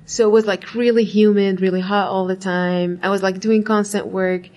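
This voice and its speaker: A graduate student from Iraq talks reflectively in a casual interview, regularly leaning on "like" and "right?". Her voice is mid-range and darkish, fairly even in intonation, at normal speed.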